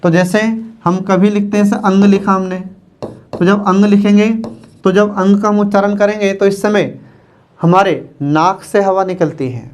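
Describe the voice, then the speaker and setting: A high-pitched man gives an exam-prep grammar lecture. He talks in a plain, patient way, goes over each point more than once, and poses questions that he then answers himself. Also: fairly even intonation, normal speed. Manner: repetitive, asks the class questions and answers them himself. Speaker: teacher.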